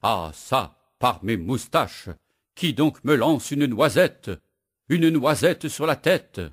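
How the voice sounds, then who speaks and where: Here a man gives voice to a hulking, mustached woodcutter who blusters and yells indignantly as a children's story is read aloud. He speaks at a slow pace in a lowish register.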